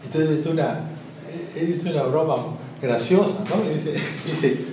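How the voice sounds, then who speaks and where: A man gives a rambling, friendly classroom lecture, chuckling at his own jokes and checking in with his listeners. He sounds far from the mic in a very echoey room. Steady background noise runs under the recording. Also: fairly high pitch, slow pace. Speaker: teacher of Sanskrit and language.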